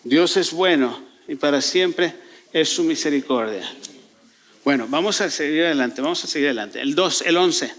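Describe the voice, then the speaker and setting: A man's voice: on the high side, normal speed, a bit bright. A male pastor from Mexico preaching a sermon in church, reading scripture aloud and asking the congregation questions before answering them himself. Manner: reads scripture aloud and paraphrases it.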